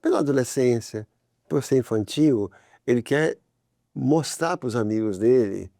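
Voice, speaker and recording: A man with a Brazilian Portuguese accent talks in a gravelly, creaky voice about faith and family. His tone is conversational, and he gets lively when he tells examples. The studio sound is dry and close, with no room echo. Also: mid-range voice, a little slow. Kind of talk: religious family talk.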